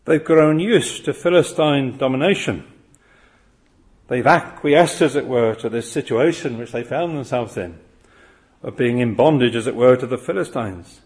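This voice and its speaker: A man's voice: medium pitch, normal speed, darkish tone. Man preaching an earnest sermon. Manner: earnest expository preaching with rhetorical questions.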